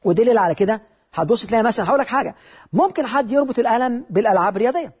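A man with an Egyptian Arabic accent giving a motivational talk, lively and rhetorical, with repeated phrases. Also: very high voice, racing, breathy edge, lo-fi sound. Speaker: motivational speaker.

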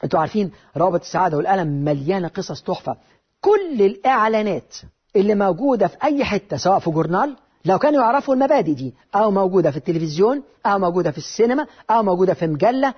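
Man, Egyptian Arabic accent, motivational talk, very fast, husky voice, dull lo-fi sound. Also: sits high. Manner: lively, rhetorical, repeats phrases. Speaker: motivational speaker.

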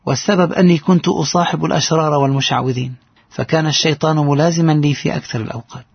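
Man, earnest story narration, quick delivery, gravelly and husky, dry lo-fi sound. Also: a little high, no room sound. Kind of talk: first-person story narration.

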